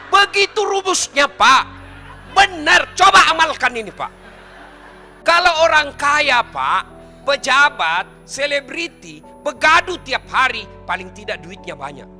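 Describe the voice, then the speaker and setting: Brief: high, animated male preacher, middle-aged, joking sermon, faint music behind. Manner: teasing, addresses listeners directly. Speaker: Islamic preacher. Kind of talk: humorous sermon to a congregation.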